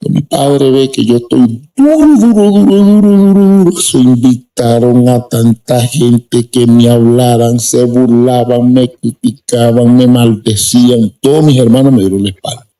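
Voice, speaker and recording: A man's voice: mid-range voice, measured pace, few pauses, dark tone, low-quality recording. A man giving a personal testimony in an interview, emphatic and repeating words for stress. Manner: repetitive and emphatic. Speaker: interview guest.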